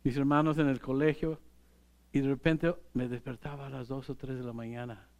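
A middle-aged male pastor, preaching in a relaxed, conversational way. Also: mid-range voice, highs cut off. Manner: unhurried, conversational preaching with light laughs. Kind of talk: sermon.

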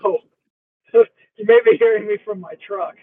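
A man's voice: high-pitched, moderate pace, dry recording. A man calling in as a guest from his truck, his voice muffled as if talking into a fan, chatting easily in brief replies. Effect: muffled line, like talking into a fan. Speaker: guest on a call. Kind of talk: casual podcast chat. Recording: tinny phone-like call line.

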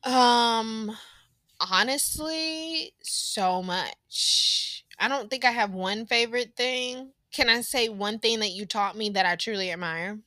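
A woman hosting a podcast, chatting casually with her younger brother, laughing often and talking in an animated way into a close mic. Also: a little high, slow, no echo. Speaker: podcast host. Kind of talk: casual family chat.

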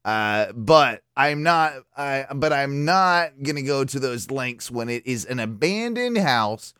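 A man's voice: medium pitch, very animated, takes it slowly, fairly bright tone, clean tone, no room sound, studio quality. A man hosting a radio show, telling a profane, rambling story in casual chat.

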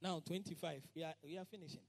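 A man preaching a sermon, shouting and chanting repeated phrases. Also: on the high side, steady tone, quick pace, creaky.

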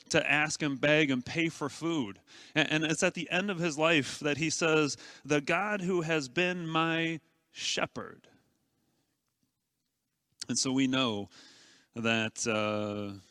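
A man's voice: fairly high pitch, sharp tone, no echo, clean studio sound. A man preaching an earnest, conversational sermon as a pastor, often stammering and restarting his phrases.

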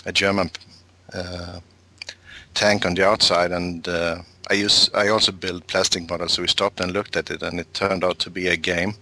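A man with a very low, flat, bright-edged voice, speaking to the hosts over a Skype call from his home. He answers in a measured way, pausing often with fillers. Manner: measured, hesitant with filler pauses. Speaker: interview guest, game designer. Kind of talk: interview answers.

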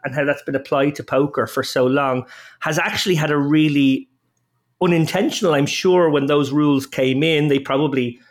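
A man's voice: on the high side, fairly even intonation, moderate pace. A man talking casually and with opinions as a podcast guest, qualifying his points as he goes. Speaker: podcast guest, poker player and commentator.

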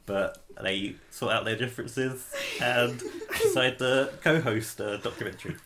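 A man pitching a silly story idea in a casual group game, hesitating often with ums. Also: a little slow, noisy background.

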